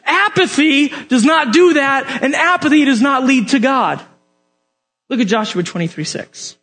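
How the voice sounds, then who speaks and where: A young man with a notably high voice preaches to his congregation. He tells stories in an animated way, slips in jokes and keeps putting direct questions to his listeners. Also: a little slow. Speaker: youth pastor. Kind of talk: sermon.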